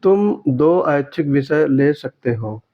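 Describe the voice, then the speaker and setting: A man teaching, walking through exam answers and correcting sentences, repeating words slowly to make each point. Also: a little high, animated, muffled recording.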